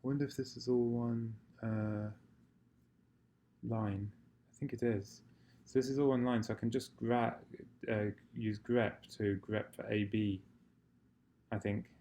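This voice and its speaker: A man improvising a software walkthrough, hesitant and fumbling for words as he thinks aloud, in a gravelly voice. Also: fairly low pitch, fairly even intonation, a little slow. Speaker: software tutorial presenter. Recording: faint noise, keyboard typing and clicks. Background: computer keyboard typing and mouse clicks.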